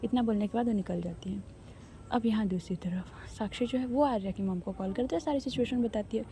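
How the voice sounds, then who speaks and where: Chatty woman storyteller, dark mellow voice. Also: mid-range voice, a little fast, slight background noise. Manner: chatty, self-correcting. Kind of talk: casual spoken story narration.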